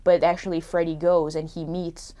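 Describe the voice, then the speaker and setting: Chatty young woman with a lowish voice. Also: little pitch movement, moderate pace, warm tone. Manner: chatty, lots of "like" fillers. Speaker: podcast co-host reviewing a film. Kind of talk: casual chat.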